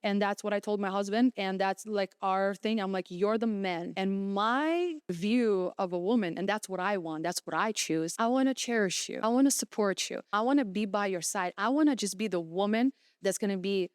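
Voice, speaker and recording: A young woman from Ukraine with a Ukrainian accent, a photographer talking as a podcast guest in lively casual chat. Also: medium pitch, normal speed, hardly any pauses, clean tone, no room sound, clean studio sound. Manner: animated, quotes people in lively put-on voices.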